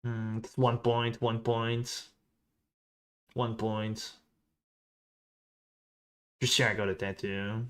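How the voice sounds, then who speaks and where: A man's voice: fairly low pitch, flat delivery, slow, long pauses, fairly bright tone. French accented guy streaming, mumbling to himself, chatty and offhand. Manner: thinks aloud, mutters to himself, answers chat. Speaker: game streamer. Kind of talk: casual livestream chat.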